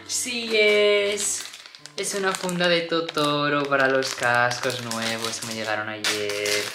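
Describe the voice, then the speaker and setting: Gushing young man vlogging in an echoey room. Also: medium pitch. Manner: gushing and excitable, mixing in English words. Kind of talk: casual vlog chat. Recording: echoey room with music behind.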